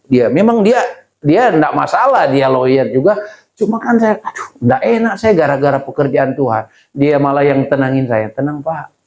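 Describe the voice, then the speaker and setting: Animated man preaching in echoey hall. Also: fairly high pitch. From Indonesia. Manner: lively storytelling with exclamations, acting out dialogue. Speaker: pastor. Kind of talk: sermon. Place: church hall. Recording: echoey church room.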